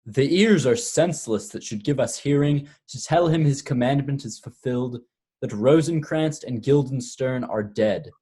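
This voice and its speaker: An actor playing a grave, formal ambassador bearing news, in Shakespearean stage style. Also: male voice, medium pitch, moderate pace, mellow, slightly rough, lightly acted.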